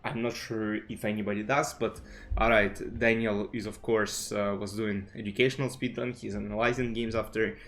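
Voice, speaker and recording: A chess streamer whose first language is Russian rambles through a casual commentary vlog from his home streaming desk, full of "you know" and restarts. His voice sits on the low side with little pitch movement, normal speed, and a slightly bright quality. Soft music plays behind him, picked up by a desk streaming mic with a webcam.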